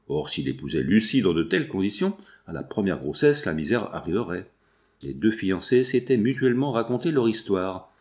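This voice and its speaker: A man narrating a novel as an audiobook reader, with a measured, expressive delivery. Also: fairly low pitch.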